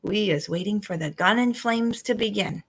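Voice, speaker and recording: A woman puts on a gentle, friendly giant who keeps his voice low and secretive. He talks in a soft half-whisper with a gravelly texture. He bends his grammar in an oddly endearing way. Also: moderate pace, noisy background, lightly acted. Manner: hushed, quietly secretive.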